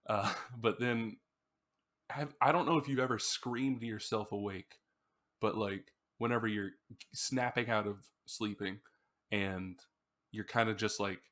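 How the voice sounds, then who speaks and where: A man's voice: fairly low pitch, fairly even intonation, unhurried, fairly bright tone. A man co-hosting a podcast in casual chat about an album, telling stories in a loose, rambling way. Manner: rambling storyteller, acts out screams. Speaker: podcast co-host.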